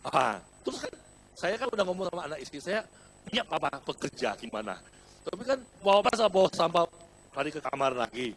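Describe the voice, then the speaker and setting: A middle-aged Indonesian pastor with a high-pitched voice talks fast as he tells a personal story during a sermon in a church hall. His storytelling is animated; he calls the congregation "saudara," brothers and sisters, and slips in English words.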